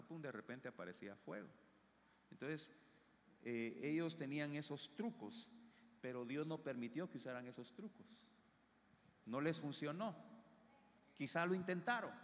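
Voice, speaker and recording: A male pastor preaching a sermon in a church, swinging between hushed asides and raised, emphatic declarations. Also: mid-range voice. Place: church sanctuary. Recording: long church reverb.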